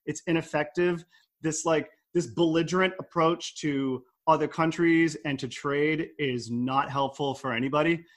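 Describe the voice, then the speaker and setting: A man's voice: fairly high pitch, steady tone, normal speed, fairly bright tone. A man hosting a casual podcast, chatting loosely with lots of fillers and reading news items aloud. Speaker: podcast host. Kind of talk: casual motorcycle news chat.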